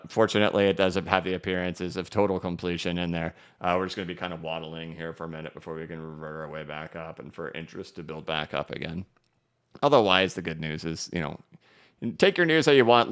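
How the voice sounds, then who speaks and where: A man's voice: deep voice, fairly bright tone, clear, resonant tone. A man hosting a casual live market stream, rambling with many fillers and "right?" tags. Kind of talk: casual livestream commentary.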